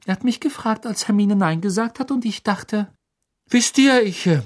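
A shy, awkward young teenage girl, as an audiobook reader puts her on. She stumbles through her words in a raised voice. A husky tone runs underneath. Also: mid-range voice, lively intonation, pitched above the performer's own voice, natural voice. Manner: hesitant, halting.

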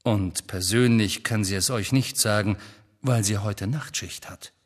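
A man reads an audiobook at a measured pace, voicing a rebellious grown wizard who speaks in a low, earnest, conspiratorial way. The recording has a big-room sound.

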